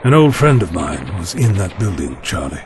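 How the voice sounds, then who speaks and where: An actor in an audio drama playing the Doctor, a persuasive, gently wry male time traveller. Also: low-pitched, very animated, moderate pace, noisy background. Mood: grave, persuasive.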